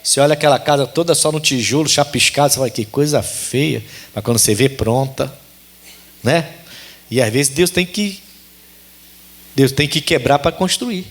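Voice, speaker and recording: A man's voice: medium pitch, moderate pace, pauses often. A Brazilian man preaching a sermon as pastor at a church service, emphatic and repeating his key phrases.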